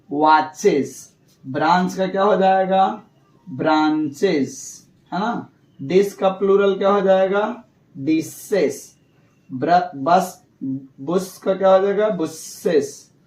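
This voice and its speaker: A man's voice: sits high, darkish tone, reverberant, far from the mic, low-quality recording. A male teacher explaining English grammar rules, asking questions and answering them himself. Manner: repeats rules, asks and answers own questions. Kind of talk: classroom lesson.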